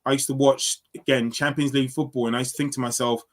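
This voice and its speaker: A man from London talks through his football story in a relaxed, thoughtful interview, his voice sitting at an ordinary middle pitch. He often restarts sentences and leans on fillers as he looks back on his path. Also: quick pace. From London, England. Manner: reflective, many fillers and restarts. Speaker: football guest. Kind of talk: casual interview answers.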